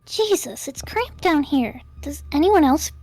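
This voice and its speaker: A woman's voice: high voice, lively intonation, a little mellow, faint music behind. A woman voicing a jittery, anxious young woman who frets and panics easily, in a fan voice drama. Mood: uneasy. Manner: nervous, fretful and quick to panic.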